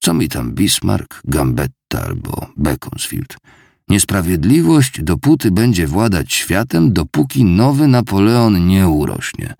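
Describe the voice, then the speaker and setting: Man, audiobook narrator, measured storytelling, lively intonation, dry close sound. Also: low voice, gravelly, no room sound. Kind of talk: scripted narration.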